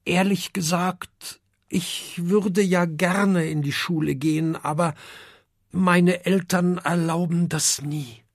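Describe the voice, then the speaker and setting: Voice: mid-range voice, sing-song, takes it slowly, creaky, a bit bright, husky, no room sound, clean studio sound, voice pushed up, heavily acted. A reader voicing a young, shy and slightly sad dragon in a children's story, talking in a grumbling, hesitant way. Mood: grumbly.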